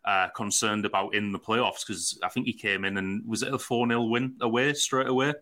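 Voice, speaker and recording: Bright-voiced man hosting, fairly low. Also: steady tone, normal speed. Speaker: podcast host. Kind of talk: casual football interview.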